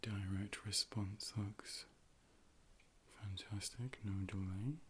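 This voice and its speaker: Slow and with a lowish voice, a man takes on the role of an optician in a breathy ASMR clip, staying calm and close to the mic. He gently instructs and reassures, often whispering, while slight background noise lingers.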